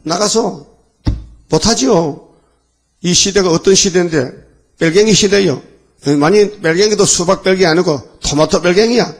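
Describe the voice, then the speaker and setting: Fiery male preacher, fairly high voice. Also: normal speed. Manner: rambling, fiery, with repeated rhetorical questions. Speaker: pastor. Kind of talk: dawn worship sermon.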